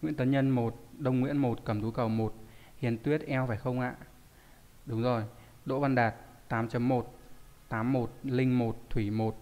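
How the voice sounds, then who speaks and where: A man's voice: mid-range voice, fairly even intonation, a little slow, long pauses, highs cut off. Male language teacher quizzing his class. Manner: quizzing students with frequent rhetorical questions. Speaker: Japanese teacher. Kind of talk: live online lesson, reading out student answers. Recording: long hall reverb.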